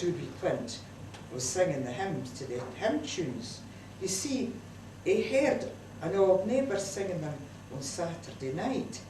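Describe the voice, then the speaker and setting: A woman with a broad Scottish accent tells a comic story as a mother's letter, her pitch swinging up and down in a lively way. She sounds set back from the mic in a roomy community hall, with clear background noise around her. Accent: Scottish, broad Scots. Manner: lively, chatty Scots dialect delivery. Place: community centre hall, live audience. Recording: distant, roomy live hall recording with noise.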